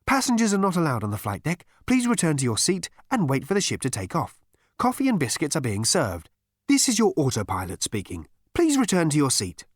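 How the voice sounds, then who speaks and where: A man's voice: a little high, wildly swooping pitch, a little fast, no room sound, clean studio sound, pitched above the performer's own voice. A man voicing a stiff, metallic ship autopilot that keeps repeating orders. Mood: insistent. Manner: metallic, repetitive, insistent. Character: stiff insistent male autopilot machine voice.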